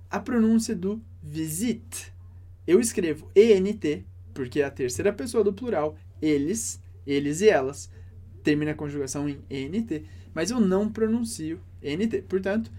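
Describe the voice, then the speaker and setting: A man teaching French in a recorded lesson, speaking slowly and carefully and repeating each French phrase to model its pronunciation. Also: high voice, warm tone.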